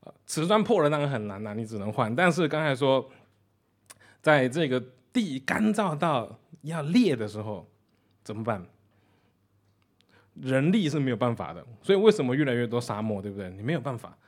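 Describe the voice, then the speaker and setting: A man's voice: medium pitch, sing-song, normal speed. A man preaching conversationally, repeating key phrases and weaving in jokes.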